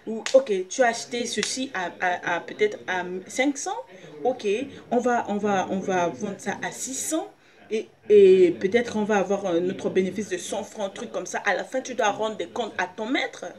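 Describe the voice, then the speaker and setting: A woman's voice: medium pitch, normal speed, a little mellow. A woman preacher in gives a personal, insistent sermon, repeating phrases and questions and often groping for words. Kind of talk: personal video sermon, exhorting listeners.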